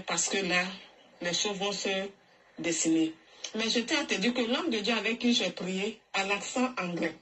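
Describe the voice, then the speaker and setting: A woman's voice: fairly low pitch, a bit bright, slight background noise, low-quality recording. A woman calling into a live show, speaking earnestly and gratefully in long, rambling sentences. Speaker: caller. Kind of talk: phone call to a live show.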